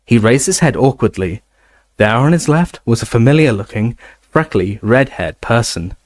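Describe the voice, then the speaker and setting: A man reading a novel aloud in an expressive way, now and then stumbling and restarting a word. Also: mid-range voice, normal speed, dry recording. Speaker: reader. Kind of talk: audiobook reading.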